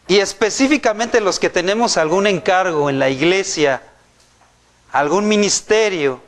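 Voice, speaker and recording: A man with a Mexican Spanish accent preaching a sermon in a church, speaking conversationally and often checking in with rhetorical questions. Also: high voice. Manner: conversational, asks the congregation frequent rhetorical questions.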